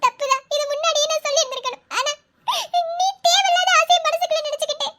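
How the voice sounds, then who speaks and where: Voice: very high-pitched, quick pace, sharp tone, dry recording, studio quality. A performer voicing a young bride in a cartoon who reads out her farewell letter in a pleading, apologetic way. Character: young bride, tearful and defiant.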